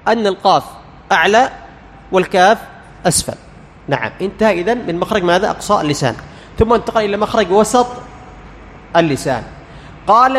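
A man teaching Quran recitation as a lecture. He quizzes the class, answers his own questions and sounds out letters slowly. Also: high voice, long reverb tail, slight background noise.

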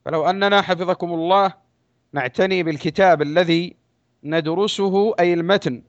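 Man, high-pitched, religious lesson, slow deliberate phrasing, dry dull lo-fi recording. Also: dry recording. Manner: measured, deliberate, drawn-out phrasing with pauses. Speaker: Islamic scholar teaching a text.

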